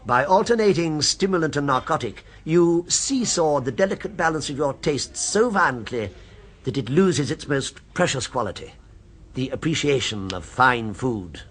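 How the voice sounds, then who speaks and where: In an old radio broadcast from the 1970s, a man with a slightly high, husky, fairly bright voice plays a refined character obsessed with a restaurant. He speaks at a moderate pace, expressive and precise, with an insinuating, knowing, earnest air.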